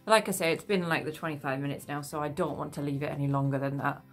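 A woman's voice: sits low, steady tone, fast talker, soft background music. A woman vlogging casually to camera while wearing a wet face mask, chatty and thinking aloud. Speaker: beauty vlogger. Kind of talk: casual vlog chat to camera.

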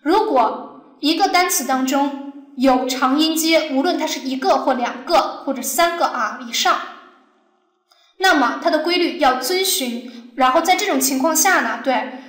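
High-voiced woman teaching in an echoey room. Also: measured pace, fairly bright tone. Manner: patient, explains step by step, asks the class questions. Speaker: Arabic teacher. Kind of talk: recorded language lesson.

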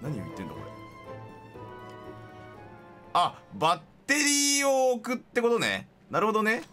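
A man giving excitable, jokey gameplay commentary as a streamer. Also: high-pitched, moderate pace, faint music behind. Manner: excitable, laughing, jokey reactions. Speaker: game streamer.

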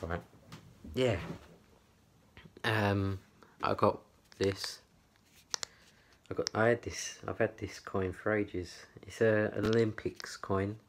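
Male vlogger, rambling bedroom chat, slow, unhurried delivery. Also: lowish voice, fairly even intonation, a little hiss or hum. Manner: rambling, repeats himself, fillers. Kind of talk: casual chat to camera. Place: his small bedroom. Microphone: camera on a tripod.

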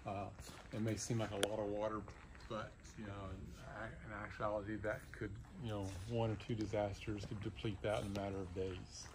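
A man from a disaster relief organization explaining a warehouse in a halting, informal way, with many fillers and restarts. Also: on the low side, level tone, noisy background. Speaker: disaster services warehouse staff. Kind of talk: informal guided tour explanation.

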